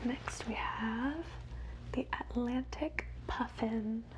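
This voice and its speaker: A woman whispers wildlife facts in a soft, measured ASMR reading, as quietly as someone watching animals. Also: fairly high pitch, background noise. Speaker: ASMR host.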